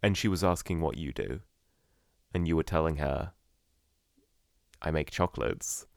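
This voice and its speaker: A podcast co-host in casual chat, supportive and gently teasing, laughing often. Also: extremely low pitch, expressive, a little slow, vocal fry, no room sound, studio quality.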